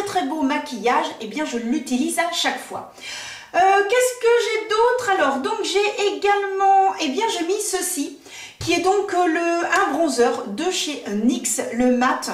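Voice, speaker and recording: A woman with a high, bright speaking voice chats through a makeup review from her home in the countryside. She fills her talk with fillers and self-mocking asides. She sits a little away from the camera mic, so the room echoes around her. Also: distant mic. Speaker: beauty vlogger. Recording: roomy echo, voice a bit off-mic.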